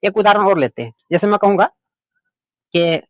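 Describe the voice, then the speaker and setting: A man's voice: high voice, animated, moderate pace, no echo. A man teaching English to beginners, patient and homely, repeating each point and reassuring his learners. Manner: plain homely way of explaining. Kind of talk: beginner lesson explained in Hindi.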